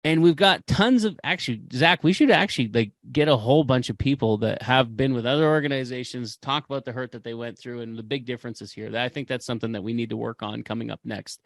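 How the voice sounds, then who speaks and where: A man's voice: medium pitch, fast talker, few pauses, dry recording. A man hosting a podcast, pressing his points with preachy conviction and hammering phrases through repetition. His voice sits in an ordinary middle register. The sound is close and dry, with no room around it. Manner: impassioned, preachy, repeats phrases for emphasis. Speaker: podcast host. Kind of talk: motivational podcast talk.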